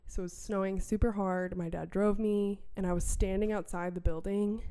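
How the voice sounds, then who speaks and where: Mellow-voiced woman telling a faith story. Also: medium pitch, moderate pace, clean tone. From Wisconsin, USA. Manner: animated storytelling, acts out her past self. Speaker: podcast guest. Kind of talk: personal faith story, casual conversation.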